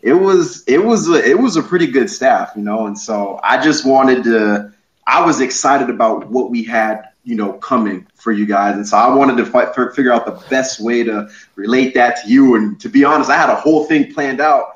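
Guest: energetic former coach from Ohio, rambling delivery, roomy and slightly dull recording. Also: male voice, mid-range voice, moderate pace. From Columbus, Ohio, USA. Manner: energetic, rambling, self-interrupting. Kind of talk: casual interview.

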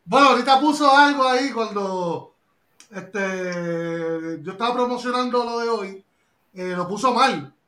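A man's voice: high voice, expressive, measured pace, pushed and bright, roomy sound. A man hosting a podcast, joking and brash in casual slangy chat. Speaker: podcast host.

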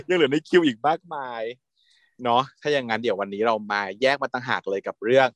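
A man co-hosting a review podcast, playful and teasing, asking quick questions. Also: mid-range voice, expressive, dry recording. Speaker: podcast co-host. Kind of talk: casual review chat.

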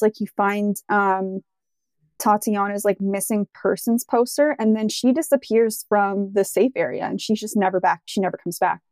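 A woman's voice: mid-range voice, darkish tone, no echo. A woman co-hosting a podcast in casual chat, rambling and enthusiastic with many fillers. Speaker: podcast co-host.

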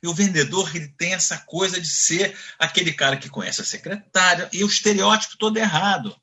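In an interview, a guest in his fifties with a Carioca Portuguese accent recounts his career. He speaks fairly quickly in a high voice, animated throughout, and acts out the voices of the people in his anecdotes.

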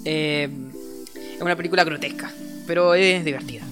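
A man's voice: fairly high pitch, normal speed. Swearing Chilean guy ranting over music. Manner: slangy, swears a lot, animated rants. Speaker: podcast co-host. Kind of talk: casual chat.

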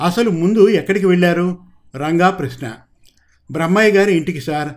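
A man's voice: high voice, a little fast. A man reading a police crime novel aloud, giving each character's lines small shifts in delivery. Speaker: narrator. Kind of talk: audiobook narration of a crime novel.

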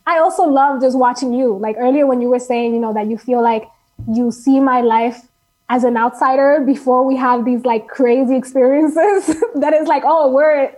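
A woman guest on a podcast, an author talking openly about her work. Her voice is fairly high and upbeat, and she laughs easily in relaxed, earnest chat. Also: moderate pace, poor audio. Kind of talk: casual interview chat.

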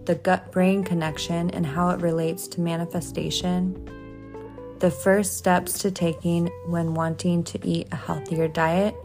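A woman's voice: fairly low pitch, level tone, a little slow. Female podcast host reading her intro evenly over a music bed. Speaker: podcast host and health coach. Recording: music playing behind voice.

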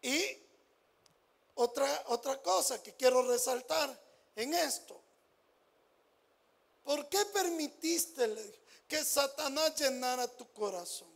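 A man preaching a sermon as pastor, stressing key phrases and asking the congregation rhetorical questions, dropping to soft asides between louder lines. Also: extremely high pitch, slow, gravelly, long pauses.

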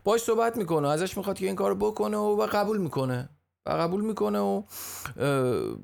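A man's voice: high-pitched, lively intonation, gravelly, darkish tone. A man hosting a podcast, retelling a story in a chatty, casual way, often tripping over words and restarting, with joking asides. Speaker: podcast host.

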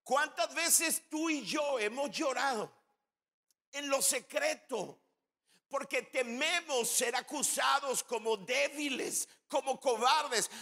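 A man's voice: extremely high pitch, slow pace, gravelly, sharp tone, in a large hall. A man pastor preaching a sermon with emphasis, speaking directly to his congregation in a church.

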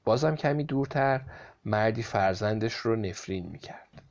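A man narrating a folk tale in a calm, steady storytelling voice. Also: on the low side.

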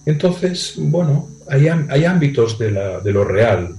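A man on a video call speaking thoughtfully with frequent pauses and tag questions. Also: medium pitch, big pitch swings, warm tone, roomy sound, faint music behind, rough recording. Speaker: guest. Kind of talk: reflective conversation.

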